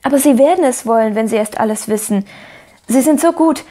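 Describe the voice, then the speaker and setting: Lady reading as a hopeful little girl in an audiobook, eager and pleading, up high. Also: fairly quick, natural voice. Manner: eager, pleading, bright and higher. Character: cheerful optimistic little orphan girl.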